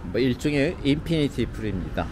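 An expressive man with a medium pitch and moderate pace tours a city hotel's outdoor pool, vlogging as he walks. His talk is casual and sprinkled with frequent "자" and "뭐." Traffic noise from the city comes through on the handheld camera mic recording outdoors.

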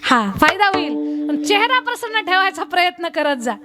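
A woman preacher telling a lively folksy story in a devotional sermon, speaking directly to the women listening. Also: extremely high pitch, moderate pace, over loud music. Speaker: kirtan preacher.

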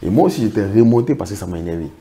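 A man's voice: lowish voice, animated, rapid-fire, mellow, slight background noise. A middle-aged man, telling stories as a guest in a casual interview and acting out what others said to him. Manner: recounts anecdotes, acts out others' words. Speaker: interview guest, project financing consultant.

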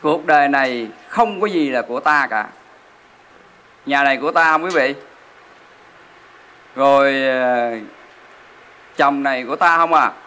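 A man's voice: a little high, sharp tone. A man, a Buddhist monk, preaching a sermon in a temple hall and often putting rhetorical questions to the audience.

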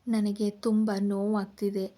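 A devoted young wife pleads softly through her tears, read by a woman telling an audio story. Her voice is warm and dark, slow, and kept flat. She sounds tearful and begging. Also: mid-range voice, natural voice. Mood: pleading, tearful.

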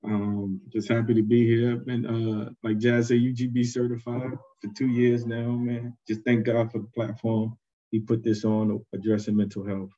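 A man's voice: mid-range voice, monotone, moderate pace, warm tone. An American man chatting casually on a video call with dull audio. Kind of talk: casual chat.

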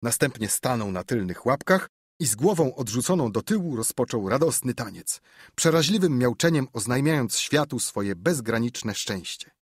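A man narrating an audiobook with expressive storytelling into a studio mic. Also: medium pitch, normal speed, breathy edge, dry recording. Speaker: audiobook reader. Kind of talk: scripted narration.

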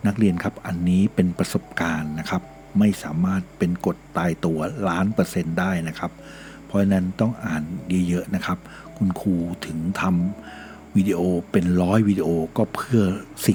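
A man teaching an English reading lesson, sounding out each word slowly and repeating it. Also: low voice, darkish tone, a little hiss or hum. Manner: slow, drawn-out word-by-word reading of English sentences.

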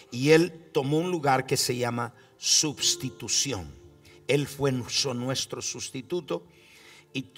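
A man preaching a sermon as pastor, speaking slowly with fillers and calling on the congregation to repeat after him. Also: medium pitch, recorded from a distance.

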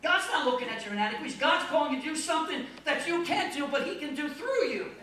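A pastor preaching a sermon with emphatic delivery and playful asides. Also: male voice, extremely high pitch, expressive, fast talker, bright, forceful tone, slight background noise. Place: church sanctuary. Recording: echoey church, mic far off.

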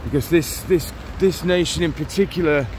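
For his walk-and-talk preaching vlog, a street evangelist in his forties strolls through a rainy town with his phone held at arm's length. He speaks at normal speed in a voice slightly high for a man, urgent and earnest, repeatedly circling back to the same points. Traffic noise is clearly audible behind him.

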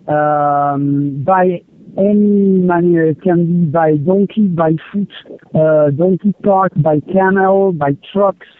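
A man working as an aid field coordinator, answering interview questions over a distorted satellite phone line, hesitant with many pauses and filler sounds. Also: a little high, no room sound.

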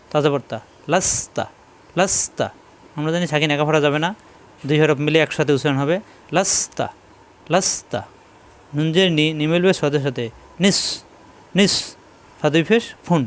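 A man's voice: a little high, clean tone. A man teaching Quran reading in Bengali with a Bangladeshi accent, spelling out Arabic syllables one at a time in a patient, repetitive drill. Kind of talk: slow spelling drill lesson.

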